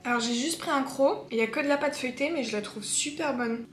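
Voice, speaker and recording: In an echoey room with faint background hum, a young woman tastes food for her vlog and talks casually. She speaks quickly in a high-sitting voice, candid and scattering fillers throughout.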